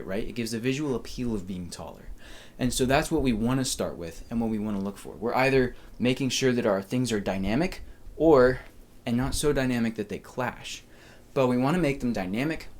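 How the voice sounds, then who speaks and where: Chatty upbeat man showing off clothes. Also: mid-range voice. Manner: chatty and upbeat, talks straight to the viewer; self-deprecating asides. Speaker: podcast host. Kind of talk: casual show-and-tell style advice.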